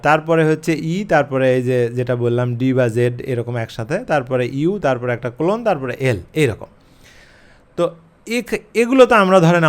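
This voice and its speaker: A man teaching English pronunciation, explaining rules with questions and slowing down to spell out letters. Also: on the high side. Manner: lively, questioning, drawing out letters slowly to spell. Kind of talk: explaining a lesson to camera.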